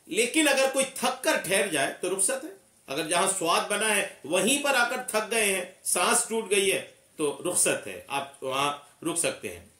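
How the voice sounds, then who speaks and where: A man's voice: high voice, sharp tone, roomy sound, distant mic. A man teaching Quran recitation, explaining patiently, repeating key points and asking and answering his own questions. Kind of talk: religious lesson.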